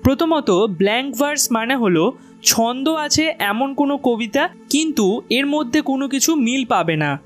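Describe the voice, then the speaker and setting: Patient woman teacher giving an exam-prep lecture. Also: a little high. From West Bengal, India. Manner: patient, explanatory, addresses students directly; reads quoted English lines slowly and deliberately.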